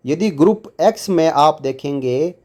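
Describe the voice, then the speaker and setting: A man's voice: a little high, animated, a little slow, darkish tone. A man explaining pension tables to viewers, reading figures off a table in an indignant tone. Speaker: news commentator.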